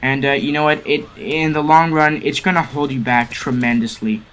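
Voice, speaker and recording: A man's voice: a little high, fairly even intonation, normal speed, a bit bright, slight background noise. A teenage boy in a gaming video, lecturing viewers in a rambling, preachy way, often stumbling and correcting himself. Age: teens. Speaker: gaming commentary video maker. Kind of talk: ranting commentary over gameplay.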